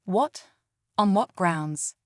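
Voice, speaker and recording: A woman's voice: lowish voice, expressive, normal speed, no echo, clean studio sound, natural voice. A woman voicing a determined young man who demands answers with a rising voice. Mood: defiant.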